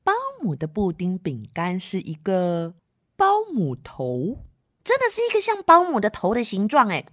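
A woman reading a picture book aloud to children in an animated, playful way, asking them questions and making sound effects. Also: medium pitch, normal speed. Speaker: children's storyteller.

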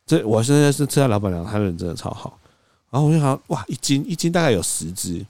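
Fast-talking man telling a story. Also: mid-range voice, no room sound, studio quality. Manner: animated storyteller, acts out quoted lines, laughs often. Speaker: podcast co-host. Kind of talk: casual storytelling chat.

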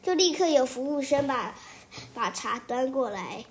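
A young child, likely a girl, rambles through an improvised story in a Taiwanese Mandarin accent, restarting sentences and repeating phrases in a singsong. The voice is high-pitched and animated but measured in pace, and is described as a woman's voice.

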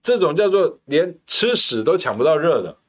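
A man's voice: fairly high pitch, very animated, normal speed. Heated, scornful male political commentator. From Taiwan. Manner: heated, scornful, hammering rhetorical questions. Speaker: political talk show host.

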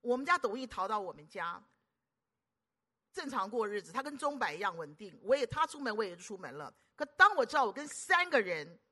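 A middle-aged woman preacher, delivering an animated sermon full of rhetorical questions to the congregation. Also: medium pitch, a little fast. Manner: animated, keeps asking the audience rhetorical questions; acts out anxious inner voices and conversations.

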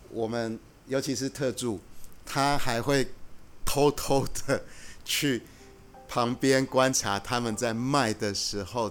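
A man who is a guest executive on a podcast, explaining his company's approach in a measured, earnest way. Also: mid-range voice. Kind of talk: casual podcast conversation.

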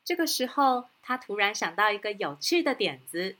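A woman with a Taiwanese Mandarin accent hosting a children's story show, narrating in a gentle, sing-song way to young listeners. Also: medium pitch, big pitch swings, normal speed. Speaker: storytelling host.

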